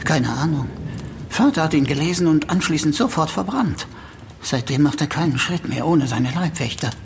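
An actor playing a confiding, uneasy young gentleman, a twin brother, in an audio drama. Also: on the high side, expressive, normal speed, a little hiss or hum. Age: young adult.

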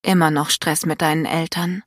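A woman's voice: deep voice, flat delivery, normal speed, no echo, studio quality. A woman reading an audiobook, voicing a young man who teases his friend but cares about her. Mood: sympathetic. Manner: teasing, sympathetic. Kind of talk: audiobook character voice.

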